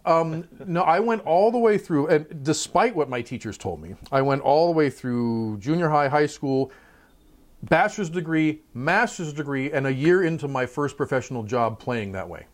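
A middle-aged man, a trumpet player and college professor, talking through his career in a relaxed interview, thoughtful and chatty with many asides. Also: a little high, normal speed.

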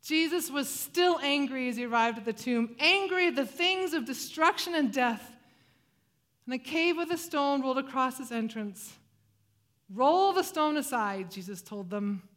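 Expressive woman preaching a sermon. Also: high voice, moderate pace. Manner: expressive, dramatic rises and hushed drops. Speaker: pastor.

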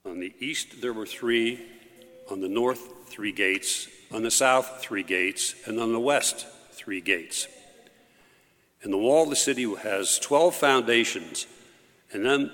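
Man, scripture reader, fairly low voice, measured formal reading, cathedral echo, long church reverb. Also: a bit bright. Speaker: lector. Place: large church.

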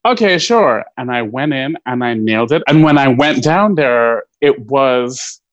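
A man's voice: medium pitch, a little slow, no echo, highs cut off. A man, a stage actor and guest, chatting casually and telling stories with frequent laughter. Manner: chatty, laughs often, animated storytelling. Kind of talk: casual interview chat.

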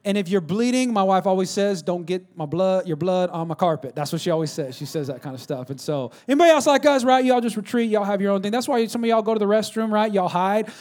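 A man's voice: high-pitched, lively intonation, fast, few pauses, a little mellow. A man preaching a sermon, telling family stories in a conversational way and asking the congregation to respond. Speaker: pastor.

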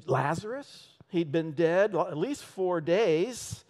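Animated slow-preaching man. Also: high-pitched. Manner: animated, rhetorical questions, acts out short voices. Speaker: church elder preaching. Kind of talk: sermon. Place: church.

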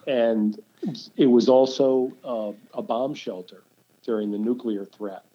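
A man's voice: medium pitch, fairly even intonation, measured pace, dull audio. An older man, telling stories in a casual interview, rambling and restarting his sentences often. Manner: rambling, with many restarts and fillers. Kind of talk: casual storytelling.

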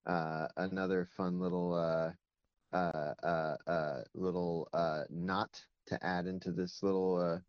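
Male guest on a dry, lo-fi phone line, low voice, casual and rambling. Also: little pitch movement, slow, clean tone, no echo. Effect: heard over a phone line. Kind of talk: casual live podcast chat.

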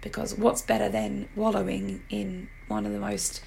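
A woman with a hoarse, croaky voice hosting a casual film and TV podcast, animated and jokey, with emphatic exclamations. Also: medium pitch, normal speed, slight background noise. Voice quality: hoarse, croaky voice with gravelly creak. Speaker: podcast host.

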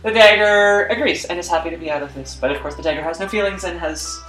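A game master narrating a tabletop game in a slow, suggestive way with small hesitations. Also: medium pitch, fairly bright tone, roomy sound, faint music behind, poor audio.

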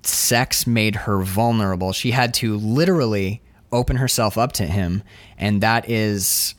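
A man co-hosting a casual film discussion podcast, talking in an animated way, swearing casually and acting out characters' lines in shifting voices. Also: fairly low pitch, a little slow. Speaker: podcast co-host.

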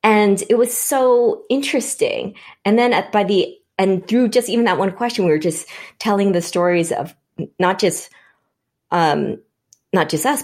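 Her voice is fairly low, a little mellow and slightly rough. Born in Vietnam, she's taking part in a panel conversation as a guest, reflecting out loud and often starting her sentences over as she works through her thoughts.

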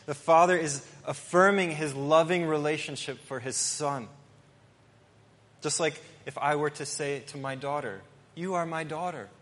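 A male pastor preaching an earnest, emphatic sermon with pauses and restarts. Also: on the high side, fairly bright tone. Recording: long hall reverb.

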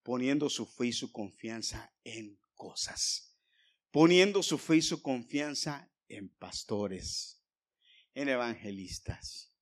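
A male pastor preaching a sermon, swinging from loud emphasis to hushed whispers and speaking straight to the congregation. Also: mid-range voice. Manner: addresses the congregation directly, asking for amens.

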